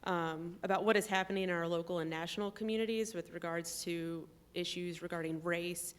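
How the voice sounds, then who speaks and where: A woman talks through the details in a measured, orderly way, pausing on frequent "um"s as she goes. Her voice sits fairly low and stays quite flat in pitch. The tone is smooth and clean. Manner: measured, explains step by step with frequent ums. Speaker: trip participant. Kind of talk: conversational explanation.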